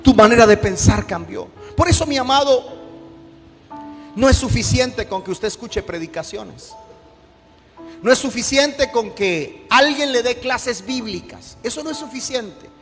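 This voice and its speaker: A man with a Colombian accent, a pastor preaching a sermon with call-and-response and shouted peaks. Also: extremely high pitch, expressive, a little slow. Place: church hall. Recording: echoey church hall with music.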